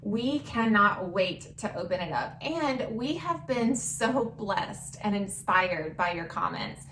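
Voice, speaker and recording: A woman's voice: medium pitch, animated, takes it slowly, a bit bright, echoey room, a little hiss or hum, rough recording. A woman co-hosting a marriage channel, upbeat and grateful in casual chat.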